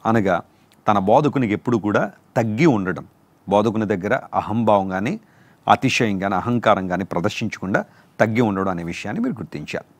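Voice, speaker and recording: A man preaches a sermon, drawing out and repeating each term as he teaches. His voice is gravelly and swings widely in pitch. The sound is close and dry. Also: no room sound. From India. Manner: explains terms slowly, repeating and spelling out each word. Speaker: pastor. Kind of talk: sermon teaching on word meanings.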